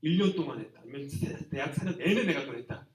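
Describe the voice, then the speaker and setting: Pastor preaching in an echoey hall. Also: male voice, on the high side, lively intonation, fast, distant mic. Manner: conversational, direct address to students, soft trailing phrases. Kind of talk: sermon.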